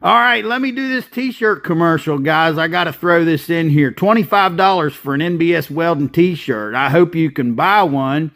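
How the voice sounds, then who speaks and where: A welder in his fifties talks through his work on his channel in casual, practical, plainspoken how-to fashion, with plenty of filler. His voice is a little high and a bit bright, at a moderate pace with hardly any pauses. He's filmed in a welding shop and at an outdoor work site.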